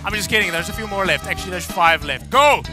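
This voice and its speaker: A man playing a pushy, hyperactive male infomercial pitchman with a thick American accent, shouting his sales pitch. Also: lively intonation, quick pace. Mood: frantic. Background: music.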